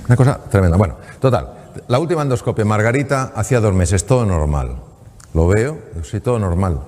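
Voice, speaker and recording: A doctor giving a motivational talk on stage into a microphone, telling a patient anecdote in a lively way and acting out the dialogue. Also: male voice, fairly low pitch, a little fast, long reverb tail, a little hiss or hum. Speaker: doctor and speaker.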